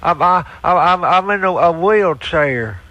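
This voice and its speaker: A man's voice: sits high, animated, a little slow, pushed and bright, no echo, exaggerated voice. A man voicing a dim-witted, whiny little-brother character in a prank call, stammering and repeating words in broken grammar with a dopey cartoonish voice. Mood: dim, earnest.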